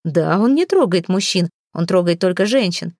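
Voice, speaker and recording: A jealous, hot-tempered young prince snaps with irritation and scorn, as a woman reads his part in an audiobook. The tone sits low and mellow, with a dry close sound. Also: expressive, normal speed, dry recording. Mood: furious.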